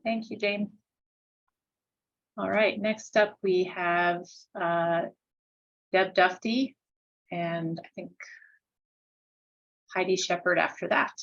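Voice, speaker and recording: A woman moderating a webinar on a video call, brisk and polite as she calls the next speakers. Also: lowish voice, fairly even intonation, creaky, a bit bright, muffled recording. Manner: brisk, polite, keeps things moving. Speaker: meeting moderator.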